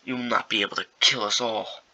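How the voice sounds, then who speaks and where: Defiant alien warrior played by a man, hushed firm voice, gravelly, tense. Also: fairly low pitch, steady tone, fairly quick, rough recording.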